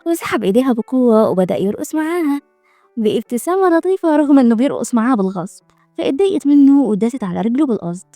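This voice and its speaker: A woman's voice: fairly high pitch, animated, rapid-fire, mellow, no echo, clean studio sound, faint music behind. A woman with an Egyptian accent narrating a drama recap in a chatty way with joking asides. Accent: Egyptian Arabic. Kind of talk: scripted narration.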